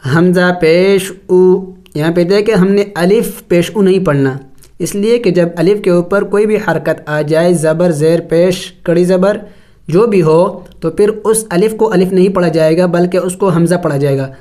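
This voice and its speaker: A man teaching Quran recitation rules, spelling out letters and vowels slowly and then explaining each rule at a brisk pace. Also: high-pitched, dark tone. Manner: drawn-out melodic recitation of verses. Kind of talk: step-by-step tajweed lesson.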